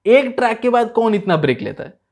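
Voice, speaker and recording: A young man hosting a music reaction, talking casually and excitedly, dropping "man" and "bro" and switching between English and Hindi. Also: very high voice, a little fast.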